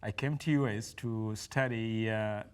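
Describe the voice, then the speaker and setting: A man's voice: fairly low pitch, fairly even intonation, a little slow, clear, resonant tone. A man from Uganda, a nutritionist telling his story as a guest in a television interview, with many fillers and restarts.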